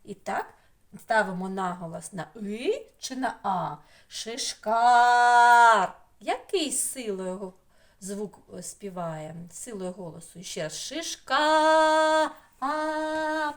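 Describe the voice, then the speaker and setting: Slow, sing-song woman teaching small children. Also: medium pitch, expressive. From Ukraine. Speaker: preschool teacher. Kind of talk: remote lesson for young children. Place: home room, remote teaching.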